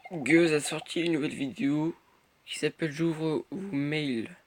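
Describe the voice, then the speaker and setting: A man's voice: a little high, fairly even intonation, unhurried. A teenage boy giving casual gameplay commentary, rambling with many fillers and muttering at the game. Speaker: gaming youtuber. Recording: noisy home recording.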